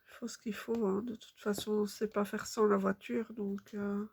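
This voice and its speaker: A woman in her thirties chatting casually while she stitches, unhurried and full of fillers. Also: mid-range voice, level tone, gravelly, darkish tone, breathy edge. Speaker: cross-stitch vlogger.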